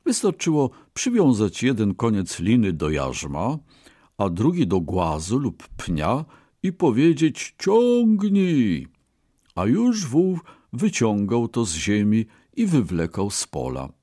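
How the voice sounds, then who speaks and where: A man reading a storybook tale aloud with a measured, expressive delivery. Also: fairly low pitch, breathy edge, no room sound, studio quality. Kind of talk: storybook narration.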